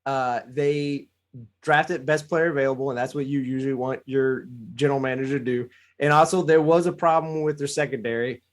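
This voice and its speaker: A man's voice: mid-range voice, steady tone, brisk. A man co-hosting a casual sports podcast, breaking down a football draft and weighing both sides. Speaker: podcast co-host.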